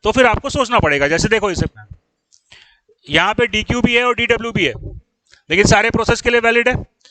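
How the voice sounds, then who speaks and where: A man's high, sharp voice moves a little fast as he lectures an engineering class, explaining in steps and repeatedly asking whether students are following. Exasperated, he scolds them at times. The recording is low-quality, with no room sound.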